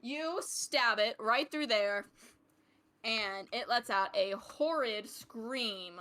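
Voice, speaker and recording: A woman's voice: a little high, slow, pushed and bright. A woman running a tabletop game, narrating casually and loosely as game master, with swearing and frequent giggles. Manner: giggly, often laughing as she talks.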